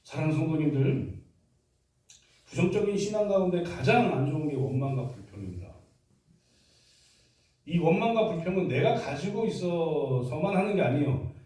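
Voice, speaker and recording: A male pastor delivers his sermon in a church sanctuary, pressing the congregation with question after question. His voice sits fairly high and moves widely through its range. It is picked up from a distance in a very echoey hall. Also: dark tone. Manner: emphatic, asks the congregation rhetorical questions.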